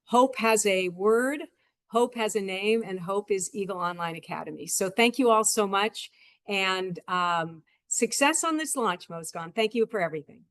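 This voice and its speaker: An earnest woman speaks over a video call, urging her listeners to give support. Her voice sits at an ordinary middle pitch. The sound is dry and close, with no room echo. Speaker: guest speaker supporting the program.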